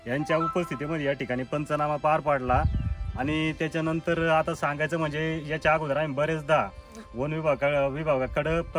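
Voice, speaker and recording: A man speaks outdoors, his voice pitched a little high. He talks earnestly and urgently, with faint music under him. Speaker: local villager speaking to a reporter. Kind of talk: on-scene interview statement.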